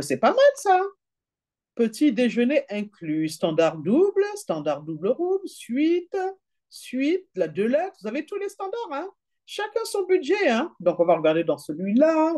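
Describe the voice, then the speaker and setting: Chatty woman with a lively, mellow voice. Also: lowish voice, husky. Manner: chatty, peppered with "hein" and "d'accord"; reads prices and numbers aloud slowly. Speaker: travel deals presenter. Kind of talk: app demonstration voice-over.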